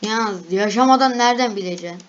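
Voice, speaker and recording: A woman's voice: medium pitch, quick pace, muffled recording. A young woman casually reading and reacting to lists aloud, chatty and laughing at herself. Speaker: vlogger.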